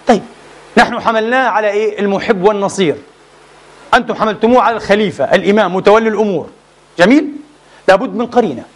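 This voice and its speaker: A man delivers a religious lecture in a high voice. He talks quickly and presses his case with rhetorical questions, then slows down to stress quoted verses. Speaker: Islamic scholar lecturing.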